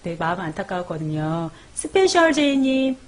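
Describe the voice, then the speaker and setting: A woman's voice: fairly low pitch, very animated, normal speed. A woman hosting a live parenting stream, chatting casually as she reads viewer comments, calls out their names and gives baby sleep tips.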